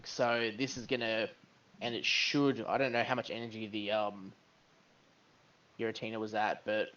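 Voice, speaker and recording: A man's voice: fairly low pitch, flat delivery, normal speed, a bit bright, dull audio. A man commentating a live game match, giving analytical play-by-play. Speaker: esports caster.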